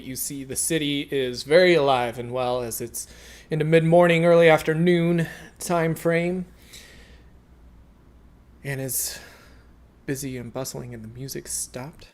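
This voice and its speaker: A man narrating as game master, describing scenes in a loose, rambling way. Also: mid-range voice. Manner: casual, rambling with restarts.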